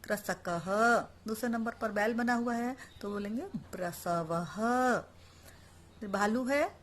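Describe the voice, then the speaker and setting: A woman's voice: mid-range voice, slow pace, a little hiss or hum. A woman teaching a Sanskrit lesson online, explaining each word and then repeating it, asking the class questions and answering them herself.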